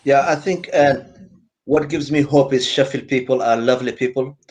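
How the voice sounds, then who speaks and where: A man's voice: medium pitch, fairly even intonation, normal speed, a little mellow, muffled recording. A man from Somalia, speaking earnestly on a panel over a video call and repeating his key phrases. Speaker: community centre representative. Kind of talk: panel discussion.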